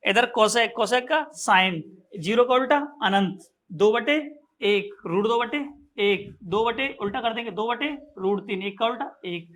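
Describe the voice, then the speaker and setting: Man, high voice, teacher, repetitive drilling, classroom math lesson. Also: a little slow, fairly bright tone. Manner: repetitive, drilling, addresses students as bhaiya and sahab.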